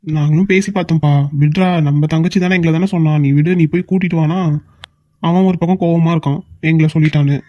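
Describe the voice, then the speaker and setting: A performer voicing a young man, a bossy but reassuring elder brother in a cartoon, speaking quickly and confidently. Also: medium pitch, fairly even intonation, no echo, dull audio, natural voice. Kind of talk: cartoon voice acting.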